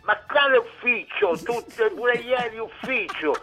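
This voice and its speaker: An older man on a phone line, exasperated and demanding to know what the caller wants. His voice sits fairly high for a man. A radio music bed plays behind him. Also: expressive, slow. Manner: exasperated, repeatedly asking what she wants. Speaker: prank call victim. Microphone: telephone.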